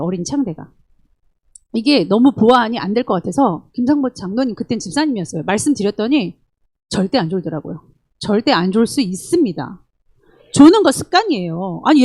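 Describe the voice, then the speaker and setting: Female pastor, high and very expressive pitch, animated sermon delivery with rhetorical questions, dry close recording. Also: no echo. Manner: animated, acts out little dialogues in changed voices; asks the congregation many rhetorical questions.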